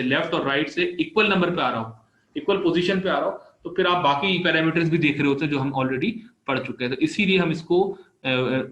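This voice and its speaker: A man's voice: fairly high pitch, a bit bright. A man giving a recorded chemistry lecture, explaining patiently step by step through on-screen examples. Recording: roomy, slightly dull lo-fi recording.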